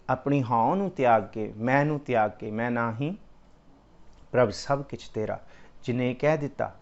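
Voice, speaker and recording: A man giving a devotional sermon, explaining scripture and slowly chanting verses in a melodic voice. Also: medium pitch, lo-fi sound. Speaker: Sikh scripture preacher.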